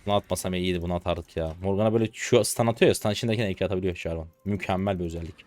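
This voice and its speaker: A hoarse man in his twenties giving slangy live commentary to viewers while he plays a game. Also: low-pitched, darkish tone. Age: 20s. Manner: rapid slangy chatter to viewers. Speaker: gaming streamer.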